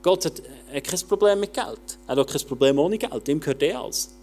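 Preacher, direct and urging. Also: male voice, on the high side, lively intonation, fairly quick. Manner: colloquial, direct, swings between loud urging and quiet intensity; speaks straight to the listener. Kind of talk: casual sermon.

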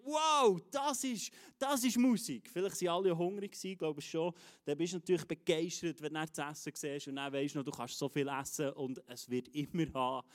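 Energetic Swiss German preacher, raised voice. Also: male voice, on the high side. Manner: energetic, emphatic, talks straight to the congregation. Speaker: pastor. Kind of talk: enthusiastic live sermon. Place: church service.

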